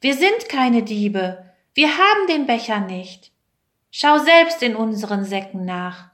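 A woman's voice: mid-range voice, animated, a little slow, close to an everyday voice. A woman reading aloud and voicing a group of brothers who protest their innocence and plead in a storybook tale. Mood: indignant. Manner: indignant, pleading.

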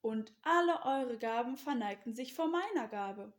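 Woman doing boastful young dreamer: high, eager, exclaiming. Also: lively intonation, moderate pace, close to an everyday voice.

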